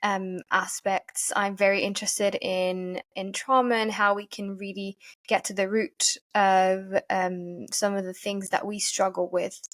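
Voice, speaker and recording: A woman from Portugal, a yoga teacher giving earnest, thoughtful interview answers and often pausing to find her words. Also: mid-range voice, flat delivery, a bit bright. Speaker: podcast guest, yoga teacher.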